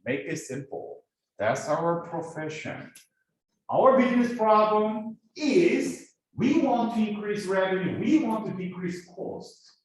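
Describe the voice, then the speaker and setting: This South Korean business professor speaks with a Korean accent, his voice high-pitched and expressive, moving at a slow pace. He lectures a class and presses students with rhetorical questions. The recording comes from far off in an echoey classroom.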